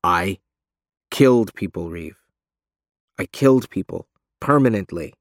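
A man's voice: sits low, animated, unhurried, dry recording, clean studio sound. A man voicing a haunted, guilt-ridden ex-soldier in an audiobook, speaking in a plaintive, forlorn way. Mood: plaintive, anguished. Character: haunted, guilt-ridden male ex-soldier confessing war crimes. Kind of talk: audiobook character dialogue.

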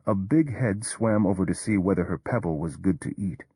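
A man with a deep, husky, mellow voice tells a first-person story in a measured, understated way, never overplaying it. The recording is close and dry, with no room sound.

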